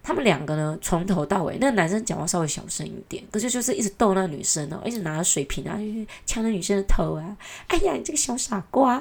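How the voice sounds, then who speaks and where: Woman vlogger, Taiwanese Mandarin accent, lower-pitched voice, chatty and exasperated storytelling. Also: lively intonation, fast talker, few pauses, a little mellow, husky. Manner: chatty and exasperated, with mocking asides. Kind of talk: casual storytelling rant.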